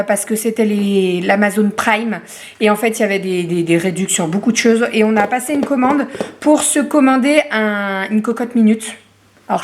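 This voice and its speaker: A young woman chatting casually in a home vlog as a mother, filling pauses with "euh" and turning aside to coo at her baby. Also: fairly high pitch.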